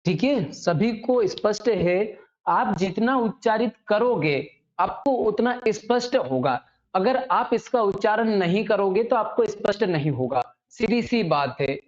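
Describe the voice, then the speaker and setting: A woman teaching a Hindi grammar lesson to students. She often checks in with "ठीक है?" and slows right down to spell out sounds and definitions. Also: mid-range voice, lively intonation, darkish tone. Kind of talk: online classroom lesson. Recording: slightly dull lo-fi audio.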